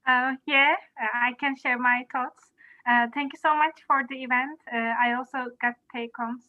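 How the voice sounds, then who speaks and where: A woman's voice: high voice, steady tone, moderate pace. Woman giving hesitant feedback, lots of uhs, thin phone-like sound. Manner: hesitant, many uhs, grateful. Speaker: participant. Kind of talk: casual discussion. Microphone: video call. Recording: tinny phone-like call audio.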